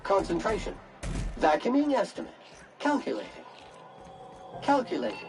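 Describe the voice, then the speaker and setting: Male cleaning robot, computer-processing voice, lively swooping pitch, game music behind. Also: moderate pace. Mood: computing. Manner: flat machine readouts of scans and calculations. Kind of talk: video game voice acting.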